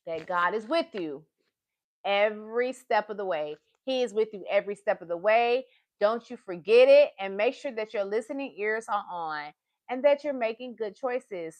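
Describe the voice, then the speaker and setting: A medium-pitched woman hosts a livestreamed storytime for small children, and her tone with them and their parents is animated, upbeat, and sing-song. The recording is dry.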